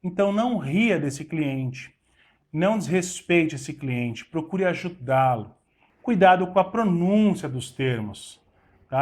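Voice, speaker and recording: Brazilian man teaching waiter skills. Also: fairly high pitch. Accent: Brazilian Portuguese. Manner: acts out short waiter-and-guest dialogues, stresses words. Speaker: waiter trainer. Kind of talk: instructional talk to camera.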